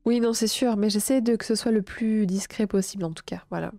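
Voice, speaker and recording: A woman with a southern French accent hosts a live stream, alternating between reading a text aloud and chatting with her viewers. Her tone is mellow and warm, and her asides come softly, full of small hesitations. The sound is dry and close, with faint music underneath. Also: medium pitch, brisk, no echo. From South of France. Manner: soft, hesitant asides with frequent fillers between read passages.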